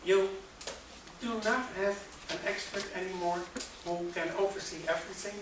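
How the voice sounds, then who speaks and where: Measured conference speaker, distant mic, strong hall echo and noise. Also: medium pitch, fairly even intonation. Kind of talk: conference talk. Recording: very echoey hall, far from mic, noisy.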